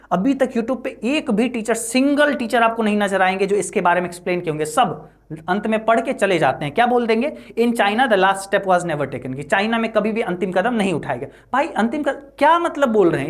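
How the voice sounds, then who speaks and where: Woman English teacher, chatty line-by-line explainer, slow read-outs, frequent tag checks to students. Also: mid-range voice. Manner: constant "है ना" and "ठीक है" tag checks; reads English lines slowly, then explains.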